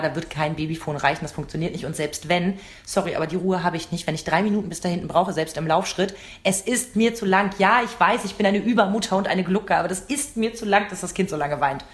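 Fast-talking woman telling stories. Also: on the low side. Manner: lively storyteller, laughs often. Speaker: podcast co-host. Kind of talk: casual chat.

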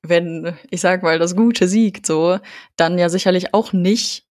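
An earnest speaker thinks aloud in long, winding sentences during a casual conversation. The voice sits at a middle pitch and sounds dry and close, with no room echo. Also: a little slow, a little mellow. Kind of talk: casual chat.

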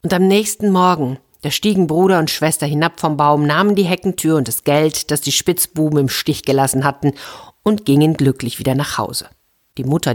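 Brief: low-pitched woman narrator, children's fairy tale, gentle and lively. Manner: gentle, lively storytelling with repetitions. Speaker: storyteller. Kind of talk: children's story reading.

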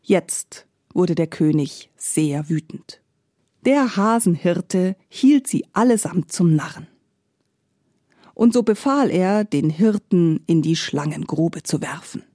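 Slow, expressive woman storyteller. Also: lowish voice, dry recording, clean studio sound. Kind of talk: fairy-tale narration.

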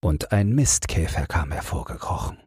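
Deep husky man reading a bedtime story. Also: big pitch swings, moderate pace, darkish tone, dry recording, clean studio sound. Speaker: audiobook narrator. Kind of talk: calm bedtime audiobook narration.

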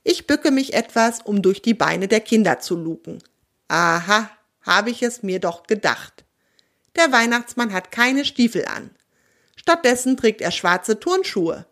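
A woman reading a children's story aloud in first-person narration, lively and expressive, with voiced bits of dialogue. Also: mid-range voice.

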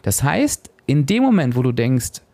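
A man's voice: mid-range voice, very animated, measured pace, a little mellow, no room sound. A man hosting a solo podcast as a coach, speaking straight to the listener and often adding tag questions.

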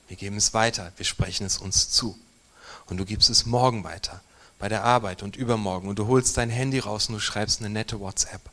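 A man preaching a sermon in a church, moving between strong emphatic stresses and quiet, near-whispered lines. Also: on the low side, steady tone, fairly quick. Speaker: pastor.

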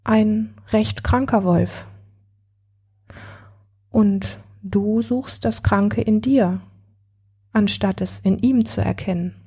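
A calm, kind confidant who reassures a friend, as a woman reads the part in a spoken story. The speech is slow and gentle. The voice is mellow and slightly breathy. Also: mid-range voice, full character voice. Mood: reassuring. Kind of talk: read-aloud story.

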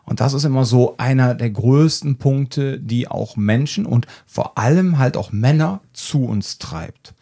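A man in a relaxed podcast conversation, speaking at an everyday middle pitch. He is a self-defence trainer who tells stories from his classes and slips into short quoted exchanges as he goes. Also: measured pace, few pauses, slightly rough. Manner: anecdotal, acts out little quoted dialogues. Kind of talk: casual podcast chat.

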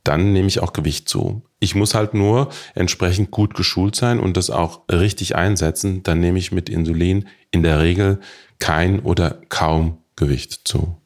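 A man's voice: deep voice, fairly even intonation, a little slow. Ein Arzt erklärt ruhig und sachlich, wie man Insulin spritzt und lagert. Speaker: diabetes doctor. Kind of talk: explaining to camera.

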